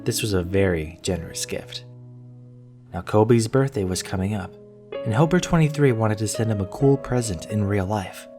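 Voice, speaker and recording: Clearly audible plucked guitar accompanies a low-voiced man as he narrates a scripted horror tale in the first person. He speaks deliberately and measuredly, storyteller fashion.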